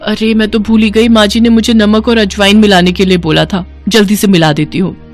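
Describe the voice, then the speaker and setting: A woman's voice: mid-range voice, faint music behind, natural voice. A woman playing a fibbing young wife. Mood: dreamy. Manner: quick, defensive, excitable. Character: young wife, fibbing, flustered daughter-in-law. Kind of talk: cartoon voice acting.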